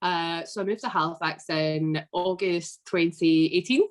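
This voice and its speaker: A woman's voice: fairly low pitch, unhurried. A young Scottish woman in her twenties, chatting casually as a podcast guest with lots of fillers. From Scotland. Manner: chatty, relaxed, frequent fillers. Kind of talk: casual interview.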